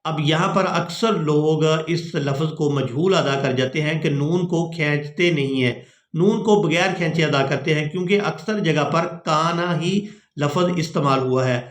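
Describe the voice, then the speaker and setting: A man teaching Quran pronunciation in a lesson, explaining the rules and then chanting the verses slowly. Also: on the high side, roomy sound. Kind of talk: tajweed lesson with chanted recitation.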